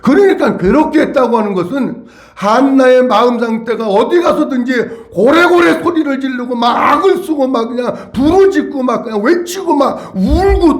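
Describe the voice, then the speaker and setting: A male pastor preaching a sermon to his congregation, emphatic and repeating key words, with many questions to his listeners. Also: extremely high pitch. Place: church sanctuary. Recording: echoey church hall.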